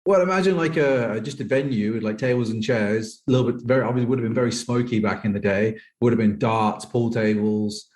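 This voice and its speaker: This professional poker player, a British man of thirty, talks fairly quickly with hardly any pauses, his mid-range voice steady and a little mellow. As a podcast guest he tells personal stories in a loose, rambling way, dropping "like" constantly.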